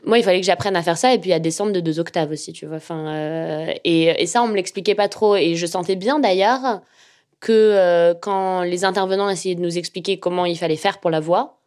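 A young woman, a journalist, telling her own story in a relaxed, hesitant way, with a slightly nasal voice and many fillers. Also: fairly low pitch, fairly quick. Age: young adult. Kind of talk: casual personal storytelling.

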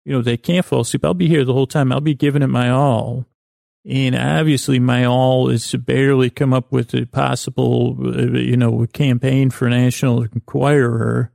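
A gravelly-voiced man hosts a bedtime podcast, improvising a halting, wandering monologue that repeats words and trails off. His voice sits in the mid-range with a dark tone, and the recording is dry and of studio quality.

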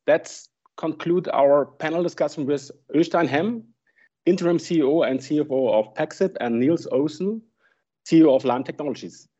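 A man's voice: a little high, warm tone, breathy edge. A man moderating a panel discussion, putting questions to the guests as host. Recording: dull lo-fi sound.

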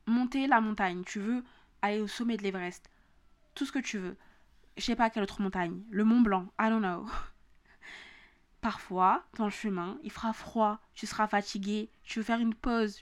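A young woman with a southern French accent, talking straight to her podcast listeners. Her speech is casual and full of slang, and she repeats phrases over and over to drive her point home. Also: medium pitch. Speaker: podcast host. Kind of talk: motivational podcast monologue.

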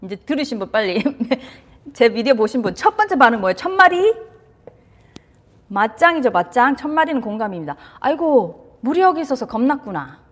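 A woman with a fairly high, quick voice gives a casual talk about parenting and anxiety in a reverberant room. She's lively, puts questions to her listeners, and drops in English terms along the way.

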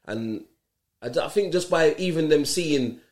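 A man's voice: on the high side, lively intonation, normal speed. A man with a south London accent talking casually and earnestly in an interview, using street slang and repeating himself for emphasis. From south London, England. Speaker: interview guest, community mentor.

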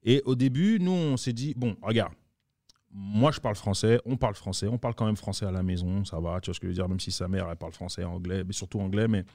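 A man in casual chat, who teases and breaks into drawn-out exclamations. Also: lowish voice, a little mellow, no room sound, clean studio sound. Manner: laughing, teasing, drawn-out exclamations.

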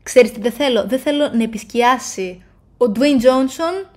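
A woman co-hosting a casual film chat with a somewhat high voice. She chimes in eagerly and often agrees with her partner, while pushing her own opinions with enthusiasm. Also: lively intonation. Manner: quick to agree, enthusiastic asides. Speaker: podcast co-host. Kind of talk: casual pop-culture chat.

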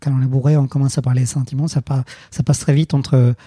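A man in his thirties from Colombia, speaking as an interview guest. He tells a personal story haltingly, with frequent restarts and fillers. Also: mid-range voice, flat delivery, warm tone, no room sound, studio quality. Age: 30s.

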